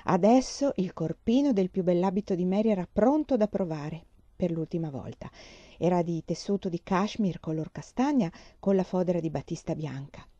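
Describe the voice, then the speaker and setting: A woman reading a storybook aloud in a calm, measured narration. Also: lowish voice, dry recording, highs cut off. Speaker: audiobook reader.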